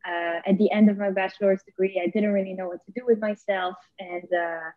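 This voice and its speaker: A woman's voice: mid-range voice, steady tone, brisk, dry recording. Woman from Switzerland, panelist; chatty, upbeat, thin phone-like sound in a dead-dry room. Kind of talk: self-introduction on a panel. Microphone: video call. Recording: dry tinny call audio.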